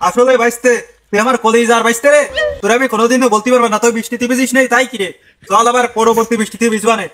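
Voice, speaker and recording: High-pitched boastful man in a village skit. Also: fairly even intonation, very fast. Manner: boastful, loud and teasing. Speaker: comedian in village sketch. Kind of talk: scripted village comedy skit.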